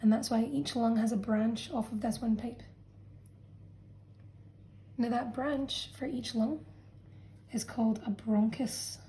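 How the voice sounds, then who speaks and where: A woman teacher walks students through a revision lesson in a patient, explanatory way, often pausing to check in. Her voice sits a little high but sounds mellow and warm. It comes across as a friendly classroom explanation. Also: fairly even intonation, low-quality recording. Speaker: science teacher. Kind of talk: revision lesson narration over a drawn diagram.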